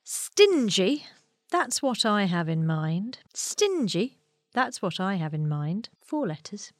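A woman with a British accent co-hosting a podcast, chatty and enthusiastic, with quick asides. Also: lowish voice, expressive, no echo. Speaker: podcast co-host. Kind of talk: casual chat. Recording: dry studio.

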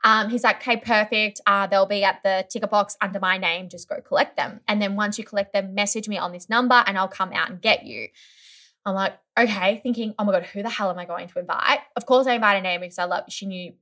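This young woman is a fast-talking guest with a mid-range voice, chatting casually. She relays a story animatedly, peppering it with "like" and mimicking what other people said.

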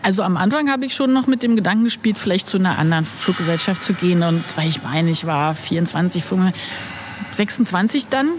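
A Berlin woman with a fairly low voice talks fast over background noise. A former flight attendant, she is a guest in a casual interview, telling stories in a chatty way packed with fillers.

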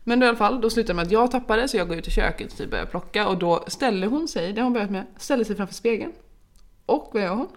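With a mid-range voice and lively intonation, this woman in her thirties tells family stories as a chatty podcast co-host and mother. She laughs a lot and performs the quotes as she goes in this easygoing conversation.

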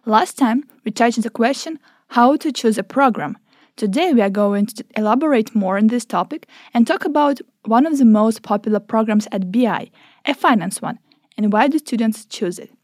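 A woman's voice: a little high, lively intonation, normal speed, a little mellow, no room sound, clean studio sound. Woman from Ukraine hosting a podcast. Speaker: podcast host. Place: small studio.

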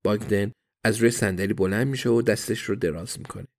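A man narrating an audiobook in a measured, even reading. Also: on the low side.

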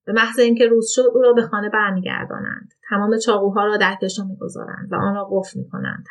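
Host, female storyteller, calm even reading of a literary short story. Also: mid-range voice.

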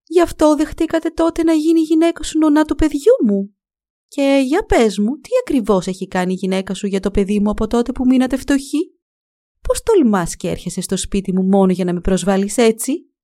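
A woman voicing a haughty mayor's wife who scolds in a loud, high voice in a storybook reading. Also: very animated. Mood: indignant. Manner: shrill, scolding.

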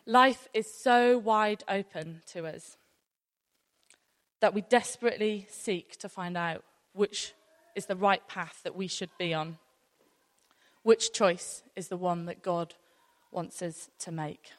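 This informal sermon comes from a church speaker in her thirties, a British woman from near North Wales, addressing a congregation live in a large room. She talks slowly in a medium-pitched voice, conversational and anecdotal, posing rhetorical questions, while the echoey hall rings with long reverb.

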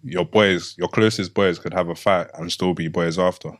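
A young man with a slightly low voice speaks in a London roadman accent. He co-hosts a podcast, putting questions to the group in casual, slangy banter. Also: fairly even intonation, moderate pace. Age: young adult. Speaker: podcast co-host.

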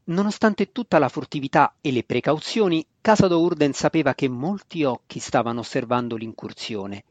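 A man reading a fantasy novel aloud in a steady, measured scripted narration. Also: mid-range voice, no echo. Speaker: audiobook narrator. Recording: dry, slightly dull lo-fi recording.

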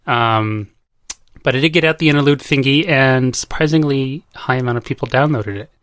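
A man's voice: medium pitch, normal speed, fairly bright tone, smooth, no room sound, studio quality. A man hosting a casual podcast chat, out of breath and rambling, laughing often. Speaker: podcast host. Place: home.

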